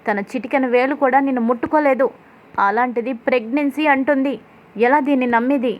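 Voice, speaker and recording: A young husband full of temper, throwing rough accusations at his wife, voiced by a woman storyteller. He is harsh and scolding, and his voice sits a little high. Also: fairly quick, close to an everyday voice. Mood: angry. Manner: shouting, scolding, rough insults.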